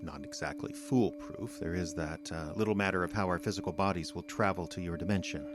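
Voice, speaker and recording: A deep male voice, heard over music, portrays an alien invader in human guise for an audio drama, delivering a measured, condescending lecture. The mood is coolly menacing.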